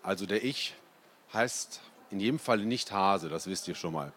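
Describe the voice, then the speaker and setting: A man's voice: deep voice, lively intonation, normal speed, a bit bright. A man reading a children's book aloud, with chatty asides to his listeners. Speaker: reader.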